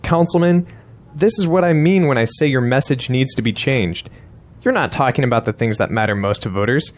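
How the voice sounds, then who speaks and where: In an audio drama, a man with a mid-pitched voice plays a political campaign strategist who bluntly and insistently lectures his client, pressing his case. He speaks a little fast, close to an everyday voice.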